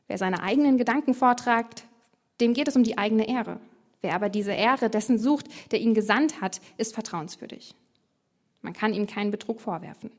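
Earnest male teacher figure, read by a woman with firm emphasis, pitched a touch high. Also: normal speed. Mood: earnest, insistent.

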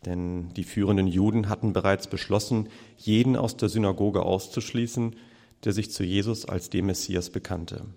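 Deep gravelly man reading scripture. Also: fairly even intonation, normal speed, mellow, long reverb tail. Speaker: scripture reader.

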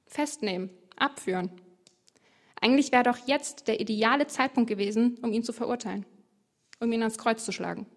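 Bible teacher, a woman, chatty and lively, asks the listener lots of questions, voice a touch high. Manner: lively, colloquial, rhetorical questions. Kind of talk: devotional bible commentary.

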